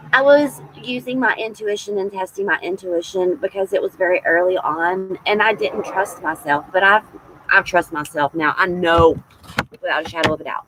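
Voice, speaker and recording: A woman in her forties, a tarot reader hosting a casual livestream, chatting warmly with viewers and calling them y'all. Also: lowish voice, a little hiss or hum, low-quality recording. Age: 40s.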